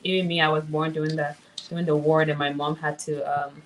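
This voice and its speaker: A woman's voice: low-pitched, level tone, fairly quick, slight background noise, poor audio. A woman hosting a video call interview, encouraging guests with short affirmations. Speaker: host.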